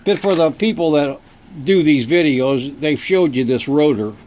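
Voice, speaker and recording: An older man with an Arkansas accent talks in a fairly high voice. He explains things casually and in a folksy way, doubling back on his phrases. A faint mechanical rumble sits behind him. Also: normal speed, darkish tone. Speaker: tinkerer demonstrating his modified heater. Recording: noisy vehicle-like rumble behind voice.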